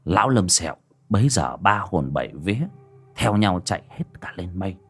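A man narrating a horror story in a dramatic, animated manner. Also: low voice, normal speed, breathy edge. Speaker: audiobook narrator.

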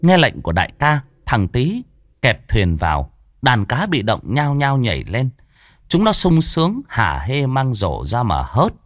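A man narrating a horror story in a dramatic, expressive storytelling manner. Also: medium pitch, unhurried, no room sound.

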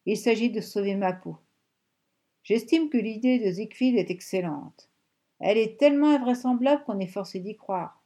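A woman narrator puts on a young girl, eager and quick to snap, speaking up brightly in manner. The voice itself stays mellow and dark in this storybook reading. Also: mid-range voice, pitched above the performer's own voice, natural voice. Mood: sharp. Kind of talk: audiobook reading.

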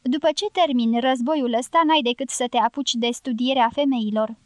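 A dry, skeptical young man from an audiobook, as a woman narrator reads him. His thoughts unfold in a wry, reasoning voice. It is read high and very close to the mic. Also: fairly even intonation, no echo, lightly acted. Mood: musing. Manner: wry, reasoning inner monologue.

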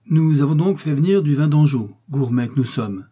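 Boisterous musketeer, read by a man; hearty, eager, husky low voice. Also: lively intonation, normal speed, mellow.

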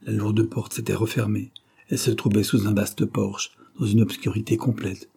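Homme à la voix grave et voilée. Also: male voice, on the low side, level tone, normal speed, gravelly, mellow, slightly rough. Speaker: audiobook narrator. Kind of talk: scripted literary narration.

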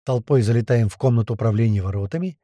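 A man narrating an action audiobook in an expressive storytelling manner. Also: medium pitch, quick pace, no room sound, clean studio sound.

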